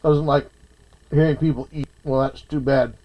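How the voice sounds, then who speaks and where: A man's voice: mid-range voice, fairly even intonation, normal speed, lo-fi sound. A man chatting casually on a livestream while he eats, sometimes talking with his mouth full. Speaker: streamer.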